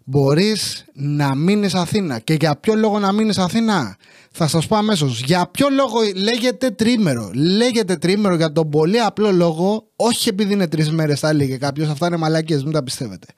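A man's voice: a little high, expressive, a little mellow, no room sound. A young Greek man hosting his podcast, delivering a sarcastic, profane comic rant in a grumbling, casual way. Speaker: podcast host. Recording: dry studio sound.

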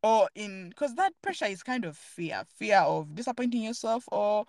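Woman host, thoughtful casual chat, middle pitch, dry recording. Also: big pitch swings, normal speed, darkish tone, dry recording. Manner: earnest, thoughtful, searching for words. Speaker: podcast host.

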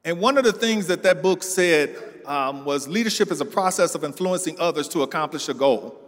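A man's voice: fairly high pitch, animated, fairly quick. Chatty male veteran in a church hall. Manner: chatty, self-correcting, laughs easily. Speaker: panel guest, military veteran. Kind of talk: church panel discussion. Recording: long reverb of a church hall.

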